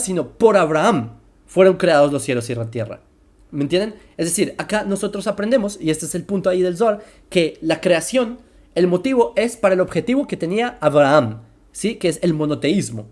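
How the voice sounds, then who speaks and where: A presenter explaining religious texts in a commentary lesson, slowing down to spell out terms and often asking whether listeners follow. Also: medium pitch, darkish tone. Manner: keeps checking listeners follow, asking "right?"; slows down to spell out terms and examples.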